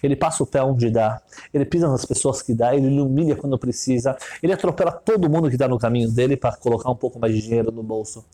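A man's voice: medium pitch, fast. A man telling a moral story in a sermon, acting out each character. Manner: animated, acts out every voice.

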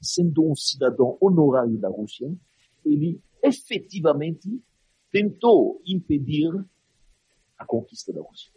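Husky man preaching with a foreign accent. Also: mid-range voice, no echo, low-quality recording. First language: not Portuguese. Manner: dramatic, emphatic, with pauses and repeated phrases. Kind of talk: religious storytelling sermon.

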